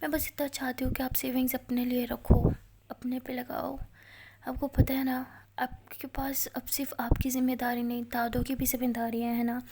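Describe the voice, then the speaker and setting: A woman's voice: high-pitched, flat delivery, normal speed, background noise. Woman voicing a fretful young college girl. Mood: pleading. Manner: anxious, scolds herself, repeats words. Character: chatty, self-doubting young college girl.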